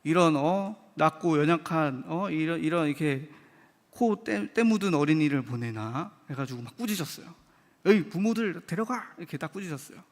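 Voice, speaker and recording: A man's voice: fairly high pitch, normal speed. Guy preaching a wednesday sermon, talks like he's chatting, keeps asking the church questions, voice rings in a big hall. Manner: conversational, asks the congregation rhetorical questions; acts out short quoted lines in lively voices. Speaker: licensed preacher. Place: church sanctuary. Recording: long hall reverb.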